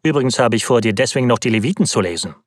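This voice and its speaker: A man voicing a worried young male friend who gently scolds and frets over a pale, exhausted companion. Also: medium pitch, lively intonation, very fast, dry recording, clean studio sound, close to an everyday voice. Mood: concerned.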